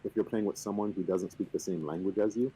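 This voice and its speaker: A man on a video call casually explaining a game, relaxed and playfully boastful, with lots of fillers. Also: low voice, fast, crowd noise, rough recording. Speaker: company representative teaching the game. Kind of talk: casual chat on a stream.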